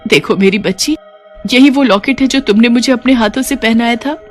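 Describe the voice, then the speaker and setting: A woman's voice: a little high, a little fast, a little mellow, soft background music, voice pushed up, natural voice. A woman voicing a grieving mother who has become a witch ghost, pleading and motherly in a cartoon story. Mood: earnest.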